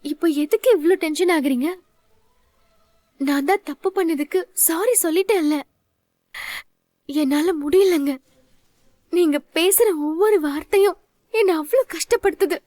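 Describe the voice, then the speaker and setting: A woman doing a wounded pleading wife, very high voice, tearful, dry close studio sound. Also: a little slow, pauses often, warm tone, dry recording. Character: hurt pleading young wife. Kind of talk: Tamil serial dub acting.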